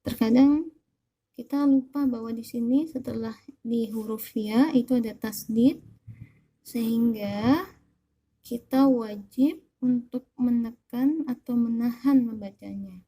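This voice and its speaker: Female Indonesian-accented recitation instructor, unhurried and very mellow, over-enunciating every syllable for learners. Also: on the high side, breathy edge. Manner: over-enunciating, deliberately stretched and stressed syllables. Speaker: Quran reading teacher. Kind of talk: slow instructional lesson with recitation demonstrations.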